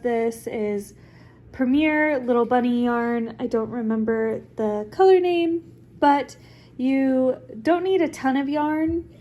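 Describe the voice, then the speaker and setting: A young woman, congested after a recent illness, chats through a casual step-by-step crochet tutorial while sitting at a table at home, peppering it with lots of "like" and "um." Her voice sits high with a darkish tone.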